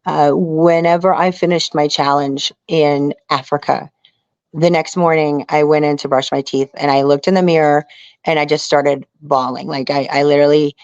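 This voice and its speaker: Speaking as an interview guest, this former reality survival show contestant recounts her story in an earnest, casual way, peppering it with "you know." Her voice is low-pitched and darkish with fairly even intonation at normal speed, and the recording is dry, dull and lo-fi.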